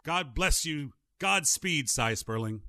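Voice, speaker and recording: A man co-hosting a podcast, riffing jokes in casual, animated comedic chat. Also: fairly high pitch, takes it slowly. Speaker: podcast co-host.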